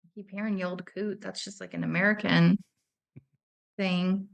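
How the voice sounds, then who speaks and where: A woman appearing as a guest on a casual podcast, self-mocking and thinking out loud. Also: mid-range voice, flat delivery, normal speed, vocal fry. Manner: self-mocking, talks herself through guesses.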